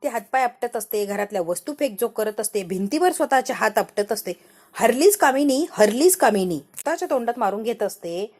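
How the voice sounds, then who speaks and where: A woman narrating a dramatic recap of a television serial in an expressive, emphatic storytelling manner. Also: mid-range voice, quick pace, hardly any pauses.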